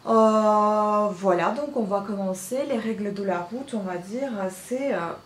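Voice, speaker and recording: A woman teaching a casual spoken lesson, slowly repeating each word with care while she writes on a small slate. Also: mid-range voice, a little hiss or hum. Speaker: Russian language teacher. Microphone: writes on a small slate while talking. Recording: echoey room, faint ambience.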